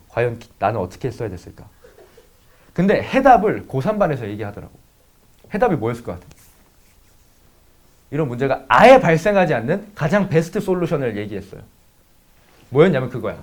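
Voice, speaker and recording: A man teaching math to students, mixing a blunt, profanity-laden personal story into a casual lecture. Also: mid-range voice. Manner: blunt, swears freely, talks straight to students.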